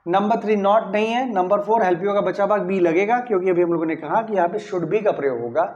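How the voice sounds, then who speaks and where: Here a male grammar teacher with a high, slightly mellow voice moves briskly through an English lesson, building it up step by step. He stresses the important words when reading example sentences and often checks "clear?" with his students, all captured on somewhat dull, lo-fi audio.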